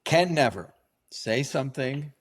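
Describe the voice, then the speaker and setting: A man's voice: mid-range voice, lively intonation, a little slow. A man chatting on a podcast over a laptop call, given to wry, dismissive quips. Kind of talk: casual chat. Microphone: laptop camera mic.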